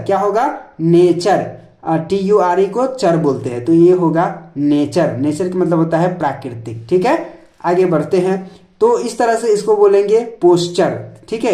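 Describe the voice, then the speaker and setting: A man's voice: high voice, dark tone. A man teaching English spelling in a video lesson. He spells words out letter by letter, asks each answer back as a question, and keeps adding a filler tag to check in. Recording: roomy echo.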